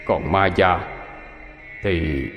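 Old guardian spirit, voiced by a male storyteller: low, stern, measured. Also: in a large hall, dull audio, music in the background.

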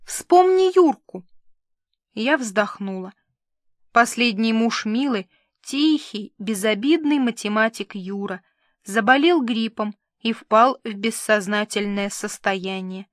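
An audiobook narrator reads scripted narration slowly and expressively. Her voice is medium-pitched, and the recording is studio quality with no room sound.

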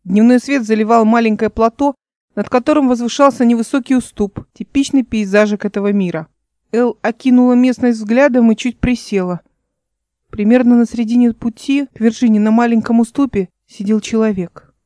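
A woman reading a fantasy audiobook in a soft, even storytelling manner. Her voice is mellow and dark. The home recording is close and dry. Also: fairly high pitch, a little fast, no echo. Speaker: audiobook narrator. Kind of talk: scripted narration. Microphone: close mic, home recording.

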